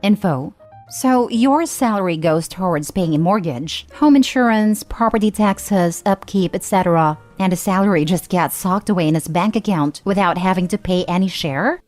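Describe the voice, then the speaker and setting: A woman giving a steady, even scripted narration of a forum post. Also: on the low side, moderate pace, faint music behind. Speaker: story narrator.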